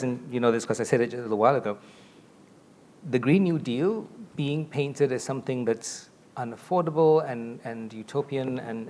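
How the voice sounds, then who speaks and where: On a large stage with a curtain behind him, a middle-aged Malaysian man serving as a conference panelist explains his points at length into a lapel mic. His voice is mid-range and slightly mellow, with a faint hiss or hum in the audio. He's expansive and explanatory, gesturing a lot as he talks.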